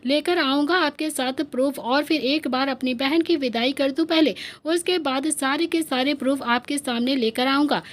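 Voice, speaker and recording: A woman's voice: high voice, moderate pace, hardly any pauses, close to an everyday voice. A woman reading a cheeky young son. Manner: cheeky, cheerful.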